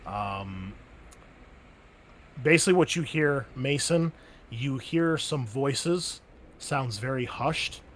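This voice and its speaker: Running a tabletop roleplaying game as game master, a man with a medium-pitched, expressive voice narrates and explains conversationally, stopping to think at times. The recording carries some background noise.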